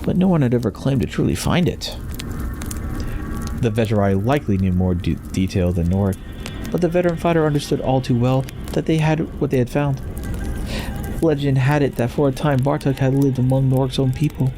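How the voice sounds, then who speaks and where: A man's voice: medium pitch, fairly quick, music in the background. A man giving a solemn, theatrical scripted narration of a fantasy story.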